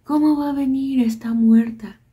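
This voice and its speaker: A woman voicing a distraught, drunk young woman who misses her mother, in a soft, close-to-her-own voice. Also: high-pitched, steady tone, normal speed, breathy edge, pitched above the performer's own voice. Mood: tearful.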